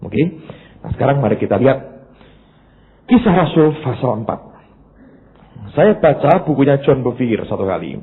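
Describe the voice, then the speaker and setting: A male pastor preaches, his voice leaping between loud, emphatic bursts and low, quiet asides. His pitch moves in a lively way from line to line. The recording is thin and phone-like, with a faint hiss underneath. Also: normal speed, pauses often. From Indonesia. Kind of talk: sermon. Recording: tinny phone-like band, faint noise.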